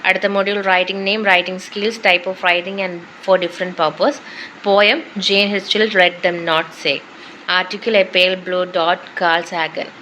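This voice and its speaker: A woman with a Malayali accent reads a syllabus aloud, topic by topic, at a very slow and deliberate pace. Her voice sits a little low, and she mixes English and Malayalam between the items. Faint noise hums behind her. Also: steady tone, sharp tone, rough recording. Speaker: teacher going through a syllabus. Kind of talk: reading out a course syllabus.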